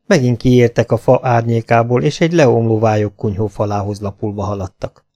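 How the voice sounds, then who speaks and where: A man narrating an adventure novel as an audiobook, in steady, plain storytelling. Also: mid-range voice. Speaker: audiobook reader.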